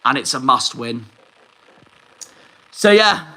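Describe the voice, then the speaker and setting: Slow but forceful, his mid-range voice bright and lively in intonation, a young football fan vlogger from the Plymouth area rages and curses over the match. The recording is low quality.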